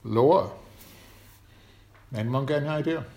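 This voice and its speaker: A man's voice: mid-range voice, normal speed, creaky, dark tone, slight background noise. Man preaching in an echoey church. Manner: chatty, asks the congregation questions. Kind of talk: children's talk at a church service. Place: church hall.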